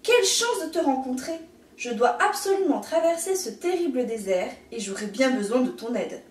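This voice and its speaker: A woman's voice: high voice, sing-song, normal speed, a little mellow, distant mic. A woman voicing a brave, cheerful little rooster in a storybook, speaking in an eager, friendly way, in an echoey room.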